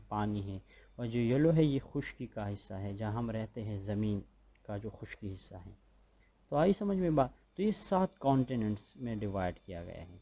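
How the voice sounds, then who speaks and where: A man's voice: mid-range voice, warm tone. A man with a Pakistani accent giving a recorded school lecture, patiently repeating points and checking that students follow. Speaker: school teacher.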